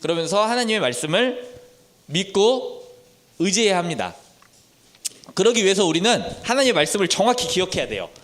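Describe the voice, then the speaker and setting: Male Sunday school teacher, children's sermon, high and animated, storytelling, 30s. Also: fairly quick, long pauses. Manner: storytelling, asks children questions.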